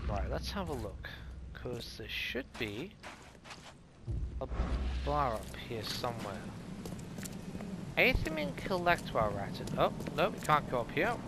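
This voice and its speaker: A man's voice: mid-range voice, sing-song, measured pace, long pauses, background noise. A man giving casual, sarcastic let's play commentary on a video game, thinking aloud. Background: game music and sounds.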